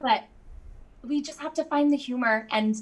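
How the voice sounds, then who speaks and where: A woman guest in casual conversation, chatty and quick to laugh, with lots of fillers. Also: sits high. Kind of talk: casual chat.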